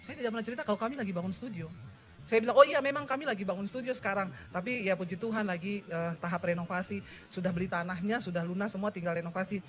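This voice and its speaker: A middle-aged woman pastor preaching a sermon with a personal testimony, animated and lively, slipping into the voices of the people she quotes. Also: mid-range voice, quick pace. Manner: animated storytelling, mimics quoted voices, exclaims and laughs.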